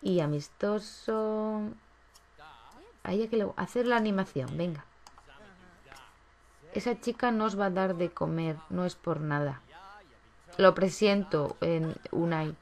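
A woman's voice: fairly low pitch, a little slow, long pauses. A woman giving chatty gameplay commentary, coaxing the characters on screen as she plays. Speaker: gaming YouTuber.

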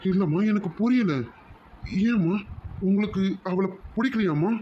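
A man's voice: high-pitched, normal speed, dark tone, highs cut off, slight background noise, lightly acted. A man voicing a distressed young man in love in a cartoon, confused and pleading with his mother. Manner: pleading, confused, repeating "amma". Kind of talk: cartoon voice acting.

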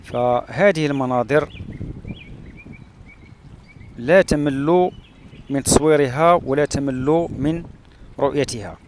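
A man from Morocco narrating his travels along a rural road and through a palm oasis, pausing often with "uh" fillers. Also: mid-range voice, slight background noise. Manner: hesitant, with frequent "uh" fillers and pauses. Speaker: travel vlogger.

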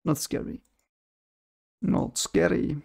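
A man's voice: slow pace, a little mellow. A young man hosting a reaction video, talking casually at a desk mic and brushing off the clips as fake, now and then hunting for a word. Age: young adult. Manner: skeptical, dismissive, searches for words. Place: home room at a desk. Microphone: desk microphone in front of him.

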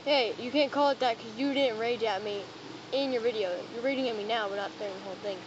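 Rambling young man with a high voice. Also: fast. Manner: rambling, defensive. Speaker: vlogger. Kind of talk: casual vlog chat while walking. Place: outdoors on a city street. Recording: muffled phone recording with traffic noise.

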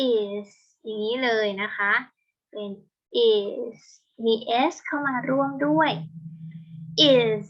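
A young woman teaching an English vocabulary lesson, explaining patiently step by step and slowing down on each English word. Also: a little high, pushed and bright. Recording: dull lo-fi home recording.

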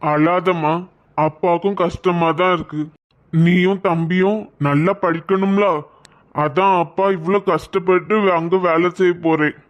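A performer voicing a tender cartoon father who consoles his crying daughter in a mid-pitched voice. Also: fairly even intonation, a little slow, highs cut off, lightly acted. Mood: consoling. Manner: gentle, consoling. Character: loving father leaving abroad, tender. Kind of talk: animated cartoon dialogue. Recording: pitch-modulated with audio tools.

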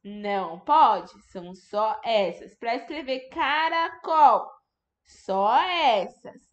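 A woman teacher with a high voice speaks slowly to small children, stretching out each syllable for them to hear. She is patient and encouraging throughout. The sound is dull and lo-fi, like a home video recording. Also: animated. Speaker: primary school teacher. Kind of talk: recorded remote lesson for young children.

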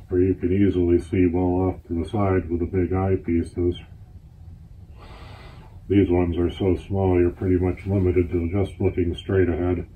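A man talking through a gas mask, explaining in a plain, matter-of-fact way, his voice husky. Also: sits low, slight background noise. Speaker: gas mask collector reviewing gear. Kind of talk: casual product overview. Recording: tinny, phone-like lo-fi sound.

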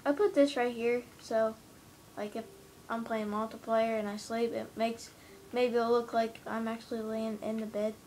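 A woman with a slightly high, flat voice chats her way through a game walkthrough, hesitant and full of fillers. She talks from a room at home into a handheld camera pointed at the TV. A faint hiss sits under her voice. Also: moderate pace. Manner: rambling, hesitant, many fillers. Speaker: gamer giving a tour of a game build. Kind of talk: casual gameplay walkthrough. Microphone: handheld camera filming the TV screen.

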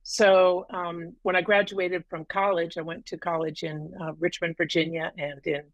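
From a green-walled room in her home, a middle-aged woman speaks as a guest on a video call in a casual interview, recounting her story at length with many ums and uhs. Her voice is lowish and level at a moderate pace, and the audio is dull with no room sound.

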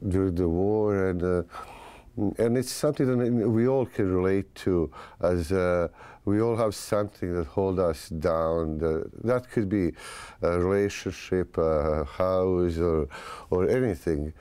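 A man in his forties with a Bosnian accent gives a reflective interview. His voice is very low and soft-edged, dark in tone, and he talks in halting phrases with pauses. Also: smooth. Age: 40s. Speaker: filmmaker, interviewee. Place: small home studio room.

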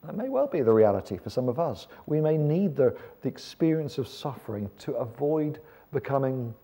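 A middle-aged man preaching a sermon in a kindly, gentle vicar's manner, often putting questions to his listeners. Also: mid-range voice, very animated, normal speed, breathy edge. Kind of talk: sermon to a seated congregation. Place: church auditorium with stage.

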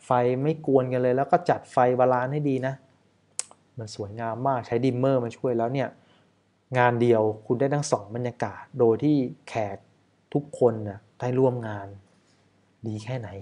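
Man, wedding photographer, casual commentary, chatty, rhetorical questions, medium pitch. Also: normal speed, long pauses, dark tone.

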